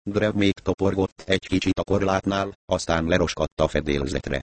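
A man narrates an audiobook in a steady, even way. His voice sits very low, and the recording is dry and close. The storytelling stays calm and measured. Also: no echo. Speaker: audiobook reader. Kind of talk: scripted narration.

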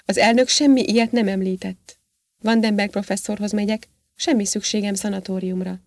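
A dazed, weary astronaut man, read by a woman in an audiobook, talking quietly and haltingly. The voice sits at a middle pitch, recorded close and dry with no room sound. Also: steady tone, no room sound, natural voice. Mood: insistent. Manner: quiet, tired, hesitant.

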